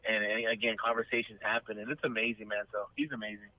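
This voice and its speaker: A man's voice: lowish voice, little pitch movement, quick pace, dry recording. A man, a band member guest in a casual interview, talking earnestly and rambling with many restarts. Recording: dry, phone-like remote line.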